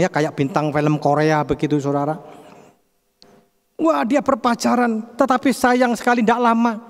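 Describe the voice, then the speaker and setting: Male preacher with a high voice, emphatic sermon delivery, long reverb from a large church hall. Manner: emphatic, keeps addressing the congregation as brothers and sisters.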